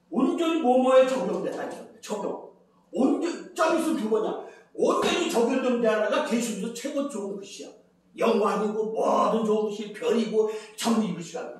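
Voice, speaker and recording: An older man giving a rambling Bible lecture as a preacher, chatty, counting and repeating phrases. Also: high voice. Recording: very echoey, from far off the mic.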